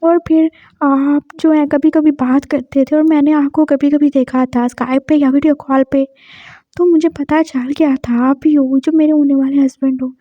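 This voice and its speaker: A shy, tearful young man , as a woman storyteller puts him on, begs in a soft, anxious voice. The pitch sits high, and the recording is dry and a little dull. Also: fairly even intonation, normal speed, no room sound, close to an everyday voice. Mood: pleading.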